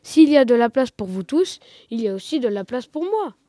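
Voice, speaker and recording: A stubborn storybook wild boar grumbles his indignant demands, as a woman acts him out. The delivery is gruff and pushy, recorded close and dry with no reverb. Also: a little high, big pitch swings, a little fast, warm tone.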